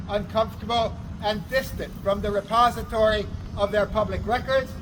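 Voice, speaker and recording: A man takes on the role of a town crier making a solemn public proclamation. His voice is pitched very high and carries each short phrase with deliberate, declamatory weight. It is recorded outdoors with faint traffic noise behind. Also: natural voice.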